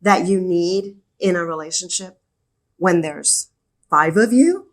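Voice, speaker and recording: A woman from El Paso, Texas, who works as a regional director, is a guest on a business podcast in a conversational interview. She speaks slowly in a lowish voice, enthusiastic and emphatic, often repeating her key words.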